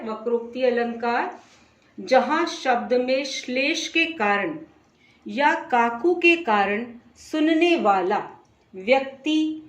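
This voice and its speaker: A woman teaching a Hindi grammar lesson, explaining deliberately with frequent filler phrases and reciting verse examples slowly. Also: on the high side, fairly bright tone. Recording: roomy, distant mic.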